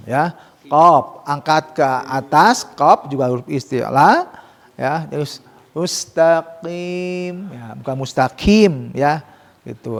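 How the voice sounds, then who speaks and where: A man teaching Quran recitation rules to students, explaining casually and modelling slow, drawn-out recitation. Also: medium pitch, creaky, long reverb tail. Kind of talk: tajwid lesson with students.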